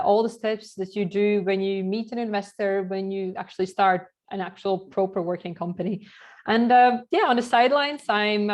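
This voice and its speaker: A young adult woman from Latvia with a Latvian accent, giving a casual online startup workshop and filling pauses with "uh" and "yeah". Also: medium pitch, a little mellow. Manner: chatty, filler-heavy, uh and yeah between thoughts. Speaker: guest lecturer.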